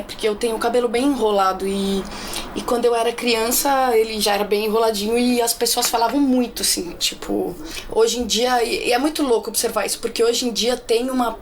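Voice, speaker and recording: A woman's voice: a little high, slight background noise. A woman with a Brazilian accent in casual podcast chat, blunt and slangy, swearing freely. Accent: Brazilian Portuguese. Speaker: podcast guest.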